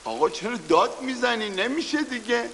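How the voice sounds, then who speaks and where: A man's voice: very high voice, expressive, vocal fry, pushed and bright, big-room sound, a little hiss or hum, exaggerated voice. An actor playing a stubborn, blunt man who refuses to take anything in trust. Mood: dismissive. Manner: blunt, dismissive.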